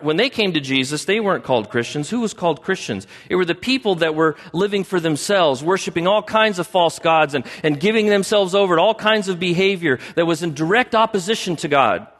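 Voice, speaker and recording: Pastor preaching in a reverberant hall. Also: male voice, high voice, fairly bright tone. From United States. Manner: conversational preaching, often asks the congregation questions. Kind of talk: sermon.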